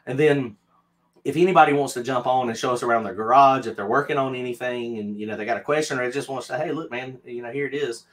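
Southern North Carolina man, middle-aged, easygoing livestream host, rambles and restarts a lot, mid-pitched voice. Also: fairly even intonation, quick pace. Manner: rambling, self-deprecating, many fillers and restarts. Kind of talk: casual livestream chat. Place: home craft studio, indoors.

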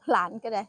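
Chatty older Isan woman, high voice. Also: no room sound, studio quality. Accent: Isan Thai. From Northeast Thailand. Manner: chatty, laughs often, talks to grandchild. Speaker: vlogger. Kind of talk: casual vlog while foraging. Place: roadside outdoors. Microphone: phone camera.

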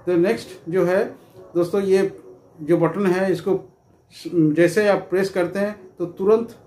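Male instructor, middle-aged, fairly high voice with a soft-edged tone, talking viewers through points repetitively. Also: fairly even intonation, a little slow. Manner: repetitive, explanatory, with frequent filler phrases. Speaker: presenter of security training videos. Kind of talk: informal instructional talk to camera. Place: small indoor room with curtains. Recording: echoey room with faint background noise.

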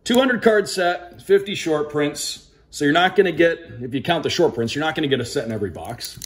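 Fairly high-pitched and expressive, he speaks a little fast. The speaker is a male radio sports play-by-play broadcaster doing laid-back, upbeat unboxing commentary, announcing names to viewers as if calling a game.

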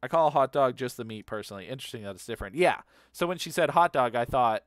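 A man streaming a game, talking to chat in a loose, rambling way and repeating words aloud. His voice sits in a middle pitch, and the sound is dry and close. He hums little tunes between thoughts. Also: expressive, quick pace, no room sound. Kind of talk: casual chat while playing a game.

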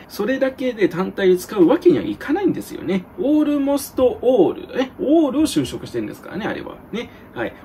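A man in a tutor's role walks students through exam grammar in a casual, joking way. His voice sits fairly high and swings widely in pitch. A faint hiss stays under his talk. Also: warm tone. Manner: casual, joking asides, reads English examples slowly. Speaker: exam prep English tutor. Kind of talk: explaining grammar answers to students.

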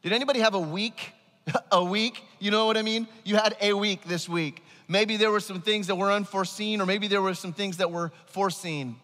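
A man's voice: high voice, steady tone, fairly quick, pushed and bright. A man in his thirties preaching an emphatic sermon from a large church stage on a headset mic. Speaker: pastor. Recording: long reverb of a large hall.

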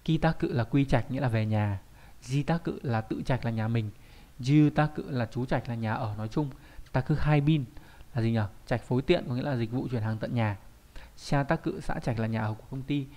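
A man with a mellow, medium-pitched voice talks a little fast as he teaches kanji in a recorded online class. His manner is casual and chatty, peppered with rhetorical questions and tag questions.

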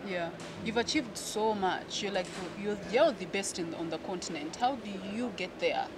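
A woman's voice: medium pitch, animated, moderate pace, heavy background noise. A young woman, interviewing in a friendly, chatty manner outdoors by a pool. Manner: friendly, chatty, laughs along. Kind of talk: casual interview. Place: outdoor poolside terrace. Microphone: handheld mic. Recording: outdoor ambience behind voice.

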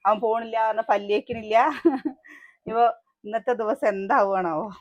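A woman's voice: mid-range voice, steady tone, moderate pace, highs cut off. A woman with a Malayali accent chatting to the camera in her home kitchen, cooking breakfast and calling out to her children. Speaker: family vlogger, mother. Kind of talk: casual home vlog narration.

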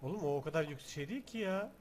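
A young man giving casual let's-play commentary, excitable and chatty, talking to the game's objects with mock threats and sudden shouts. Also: on the high side, very fast, a little hiss or hum. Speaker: gaming video host.

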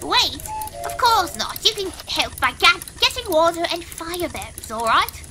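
A woman's voice: extremely high pitch, very animated, a little slow, very noisy, heavily acted. A woman voicing an eccentric, kindly very old skeleton man in a theatrical game read-aloud. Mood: brisk, kindly.

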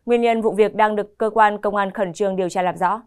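A young woman anchoring the news in a TV studio with a crisp, formal delivery. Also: mid-range voice, fairly even intonation, fairly quick, a little mellow.

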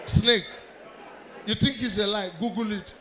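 A man with a Nigerian accent doing stand-up comedy, loud and commanding as he works the crowd. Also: high voice, steady tone, unhurried. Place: comedy club stage with live audience. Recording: live crowd, faint background noise.

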